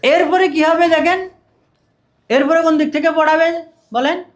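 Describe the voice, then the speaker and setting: A man with a high-pitched voice lectures on teaching Quran reading. He keeps asking questions and answering them himself. He slows down to drill syllables one at a time. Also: steady tone. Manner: asks and answers his own questions, drills syllables slowly.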